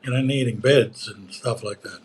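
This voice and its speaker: A man's voice: mid-range voice, normal speed, slight background noise. A man with an Australian accent co-hosting, speaking earnestly and with emphasis in colloquial talk. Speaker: co-host. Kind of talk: casual yarn.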